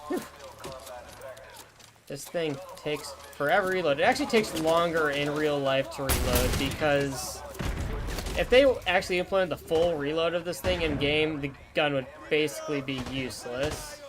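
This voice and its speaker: A man's voice: on the high side, normal speed. A man streaming a shooter game, talking back to the game characters in a dry, joking way, his voice still worn from illness. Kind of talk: casual gameplay commentary. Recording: loud game gunfire behind voice. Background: game gunfire and explosions.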